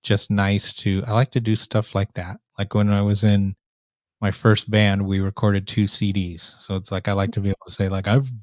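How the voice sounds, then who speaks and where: Male chat host, somewhat low and nasal, informal delivery, close dry mic. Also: monotone, normal speed, no room sound. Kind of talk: casual live chat. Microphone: microphone right up close.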